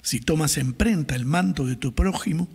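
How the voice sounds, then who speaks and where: A middle-aged man, a priest, reads the Gospel and preaches a homily in a calm, measured way from a lectern microphone in a small chapel. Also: a little high, vocal fry, husky. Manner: calm, measured liturgical delivery. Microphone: gooseneck microphone on the lectern. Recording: reverberant chapel sound.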